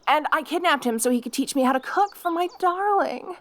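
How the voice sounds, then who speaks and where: A jealous fox girl, played by a woman in an audio role-play, with a lively, swooping voice. She taunts her rival and makes threats with gleeful, possessive menace. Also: sits high, brisk. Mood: boastful, menacing.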